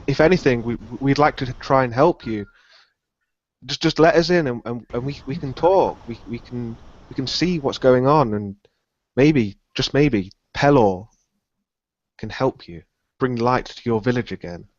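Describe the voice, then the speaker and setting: Dude playing a soft-spoken pleading paladin, stumbles over words, muffled lo-fi audio. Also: male voice, medium pitch, lightly acted. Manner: soothing, pleading, halting. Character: earnest young male paladin of a sun god.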